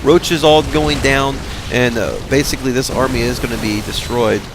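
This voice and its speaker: A man's voice: medium pitch, noisy background. Tired man casting a strategy game. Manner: tired, yawning, halting with many fillers. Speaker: game caster. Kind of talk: casual game commentary.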